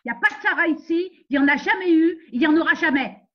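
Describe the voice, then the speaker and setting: A woman's voice: very high voice, lively intonation, fast, muffled recording. A woman playing a fierce, protective mother who gives orders and scolds a man in an amateur theatre web series. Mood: scolding. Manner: commanding, scolding, defiant.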